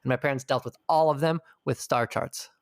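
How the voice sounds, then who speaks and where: Here a man being interviewed has a gravelly, medium-pitched voice and a fairly quick delivery. The studio sound is clean, with no room noise. He reflects in a thoughtful, searching manner and swears casually from time to time.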